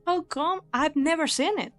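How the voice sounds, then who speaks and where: Playing a young mercenary leader in an anime game dub, a woman with a high voice sounds cynical, unsentimental and slyly taunting over soft music. She talks at normal speed in a mocking, incredulous mood.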